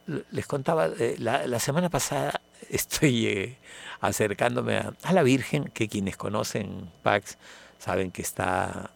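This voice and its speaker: A man's voice: lowish voice, vocal fry. A man on the radio, telling a devotional story in a reflective way and repeating words for emphasis.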